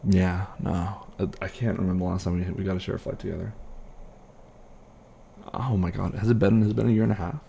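A man playing an easygoing airline pilot, chatting casually and haltingly with a colleague in a one-sided role-play. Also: low voice, flat delivery, vocal fry, mellow, a little hiss or hum. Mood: friendly, excited. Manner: casual, halting, reassuring co-worker chat.

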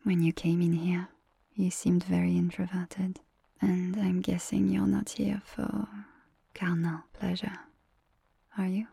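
A gentle, doting massage attendant, played by a woman in an ASMR roleplay, murmuring in a soft whisper with French endearments. Her voice is husky and mellow, with a gravelly creak under the breath. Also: fairly low pitch, little pitch movement, takes it slowly, no room sound, heavily acted. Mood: soothing.

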